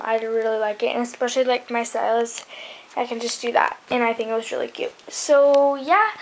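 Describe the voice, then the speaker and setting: A woman's voice: on the high side, low-quality recording. A young woman vlogger chatting about her favourite beauty products, rambling with lots of fillers and restarts. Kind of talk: casual chat.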